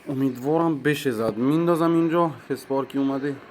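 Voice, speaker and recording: An excitable man gives running commentary over his own mobile match, muttering plans and then bursting out at his opponent. His voice sits in an ordinary middle pitch, with a faint hiss of noise in the background. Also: poor audio. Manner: excitable, talks to himself and the opponent, sudden shouts. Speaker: gaming streamer. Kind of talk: live gameplay commentary.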